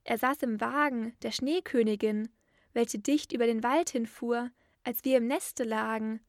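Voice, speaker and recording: A woman's voice: fairly high pitch, steady tone, a little slow, dry recording, clean studio sound. A woman voicing a pair of mournful wood doves that coo as they speak in a storybook reading. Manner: repeated cooing calls. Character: cooing wood doves, small birds, mournful.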